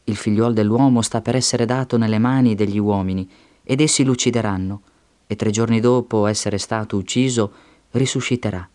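A man voicing a stern male teacher, reading his words in a solemn, measured way. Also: lowish voice, steady tone, darkish tone, close to an everyday voice.

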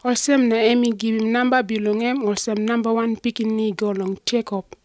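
A woman's voice: a little high, level tone, brisk, a little mellow. A woman narrates a scripted picture-book Bible story in a simple, instructive storytelling way.

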